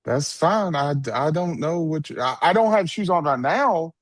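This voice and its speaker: Southern guy, preacher, deadpan and playful, dry close sound. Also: fairly high pitch, normal speed, no echo. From North Alabama. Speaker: preacher and guest. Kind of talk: casual interview talk.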